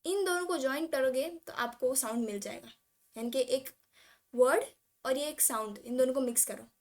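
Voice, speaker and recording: A woman from India teaching a casual language lesson, mixing English words into her talk and reading syllable charts aloud slowly. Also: sits high, darkish tone.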